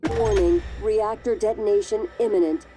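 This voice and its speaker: A woman voicing a calm female station computer that gives even, automated warnings over loudspeakers. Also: medium pitch, moderate pace, background noise.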